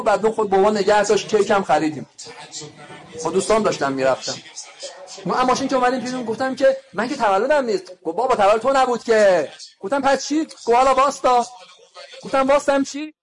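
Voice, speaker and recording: A man's voice: very high-pitched, a bit bright. A man who is a cleric, giving a sermon in a colloquial way, retelling conversations with quoted lines from around Qom. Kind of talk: sermon with anecdotes.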